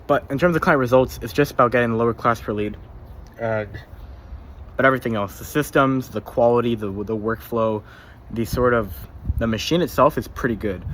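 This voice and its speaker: Young man, casual vlog journal, mid-pitched, rambles and stumbles, curses freely; faint noise behind. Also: normal speed, long pauses, fairly bright tone. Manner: rambling, swears casually, often repeats and trips over words. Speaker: vlogger keeping a spoken journal.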